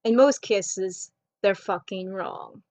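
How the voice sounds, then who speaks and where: A woman's voice: medium pitch, takes it slowly, darkish tone. A young woman, ranting bluntly and swearing a lot in a casual vlog. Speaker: vlogger. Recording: dull lo-fi home video audio.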